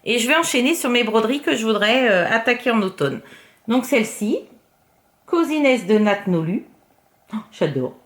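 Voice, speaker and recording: A woman vlogger in casual show-and-tell chat, talking her way through her crafts with many fillers and the odd soft murmur. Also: a little high, animated, moderate pace. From France. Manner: chatty, filler-heavy, often drops to a soft murmur.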